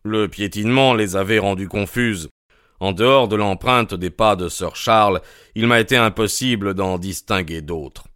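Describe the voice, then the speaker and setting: A man voicing a grave, cautious male country doctor in an audiobook, measured and earnest. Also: on the low side, fairly bright tone, smooth, no room sound, studio quality, lightly acted. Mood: factual. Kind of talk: audiobook character reading.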